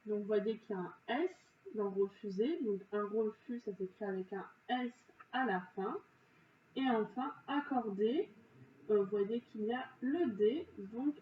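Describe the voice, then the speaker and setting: A woman teacher going through spelling exercises, explaining each answer slowly and patiently with frequent pauses and fillers. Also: a little high, a little mellow. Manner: slow, careful, patient explanations with frequent "donc" and "euh". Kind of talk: correcting spelling exercises for pupils. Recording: dull, roomy, distant, faint hiss.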